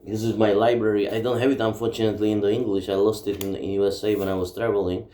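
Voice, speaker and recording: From his home library, a Czech-accented book vlogger whose native tongue is Czech rants bluntly, emphatically, and profanely. He speaks fast in a dark, lowish voice with a level tone, and the recording has a roomy echo.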